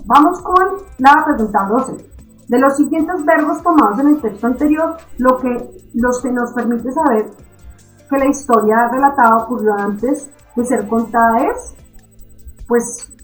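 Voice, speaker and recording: A woman teaching an online reading lesson, constantly checking understanding with quick questions. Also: high voice, roomy sound, poor audio.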